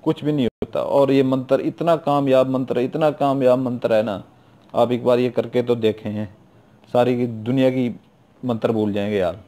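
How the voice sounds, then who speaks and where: Repetitive Pakistani man, mellow voice. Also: mid-range voice, fairly even intonation, normal speed. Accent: Pakistani Urdu. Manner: repetitive, informal, keeps adding "theek hai na". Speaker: YouTube occult practitioner. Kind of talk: casual spoken instruction.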